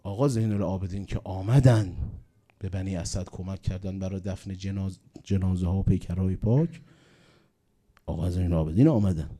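Dark-voiced man preaching a mournful sermon. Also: low voice. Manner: swings between loud exclamations and hushed, mournful lines. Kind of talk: religious sermon with storytelling.

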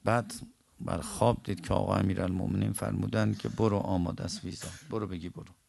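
A man preaching, telling religious stories vividly and breaking into slow chanted verse. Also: on the low side, steady tone, creaky, a crowd in the background. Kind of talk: religious storytelling sermon.

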